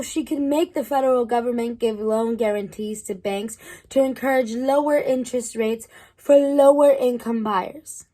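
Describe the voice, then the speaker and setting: A young woman playing an earnest woman interviewed about housing, in a stage show. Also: sits high. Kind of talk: youth stage theater.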